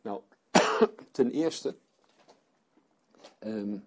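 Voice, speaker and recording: A man's voice: fairly low pitch, very slow. A man leading a Bible study for a small group, reading scripture aloud and then explaining it as he thinks aloud.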